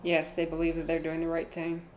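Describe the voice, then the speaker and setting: A woman giving casual, rambling commentary as she plays a video game, with vocal fry in her voice. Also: sits low, completely flat delivery, brisk, reverberant, soft background music. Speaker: streamer playing a video game.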